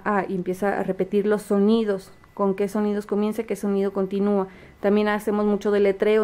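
Patient mom teaching letter sounds. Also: female voice, mid-range voice, dark tone. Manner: patient, repeats letter sounds slowly, many fillers. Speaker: homeschooling mother. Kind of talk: casual home teaching demonstration. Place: home, at a table.

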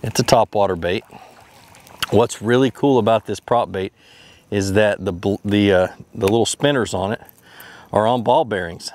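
Man, thirties, lowish voice, casual rambling fishing talk, outdoors on a boat. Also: moderate pace, a little mellow. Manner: rambling, with many fillers and restarts. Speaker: fishing video host. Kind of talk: casual how-to narration while fishing.

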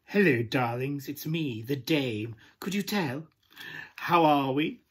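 A man performing a glamorous, camp pantomime dame with a British accent and a husky, breathy voice, coaxing listeners through a children's story. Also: medium pitch, animated, slow. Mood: cosy, playful. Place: small room at home, indoors.

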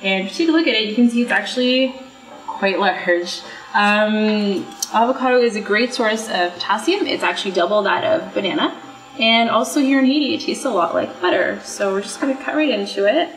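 A woman's voice: medium pitch, fairly quick. A young woman presenting a casual cooking demonstration in a home kitchen, chatty and explaining each step. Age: young adult. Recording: roomy kitchen sound with faint music.

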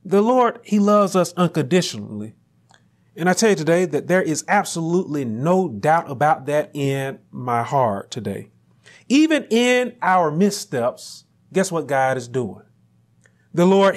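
A middle-aged man preaching a sermon from a pulpit in a small church room, building to near shouts on key lines. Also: on the high side. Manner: rising to near shouts on emphatic lines, slow deliberate phrasing. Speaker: pastor.

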